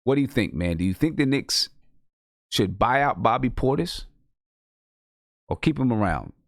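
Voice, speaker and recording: A man's voice: medium pitch, expressive, moderate pace, gravelly, no echo, studio quality. Casual sports talk host, a man. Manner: conversational, restarts sentences, asks guests for their takes.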